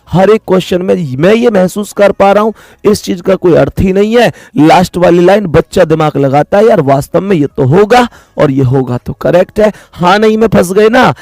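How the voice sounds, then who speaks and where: A man's voice: high-pitched, creaky, a little mellow, dry recording, studio quality. A young man teaching an online exam-prep reasoning lesson, chatty, repeating key points and calling his students dear children.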